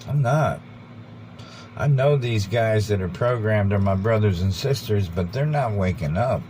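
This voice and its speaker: An American man giving an informal, rambling monologue, earnest and deliberate, repeating phrases for emphasis. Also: expressive, a little mellow, low-quality recording. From United States. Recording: background noise with vehicle rumble.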